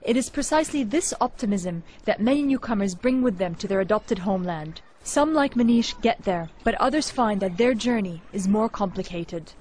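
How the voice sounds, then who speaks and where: A woman reporter reading a scripted news narration in a measured, clear delivery. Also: mid-range voice, expressive, darkish tone, a little hiss or hum.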